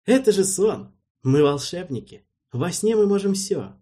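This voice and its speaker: A man voicing a fierce husky dragon. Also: big pitch swings, moderate pace, darkish tone. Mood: excited. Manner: booming, exclamatory. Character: fiery captive male dragon, proud and fierce. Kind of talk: audiobook character voice.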